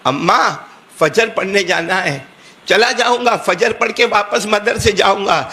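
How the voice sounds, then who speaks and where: A man's voice: high voice, sharp tone. A man doing a pleading young boy. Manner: pleading, tearful. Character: young boy longing for his mother.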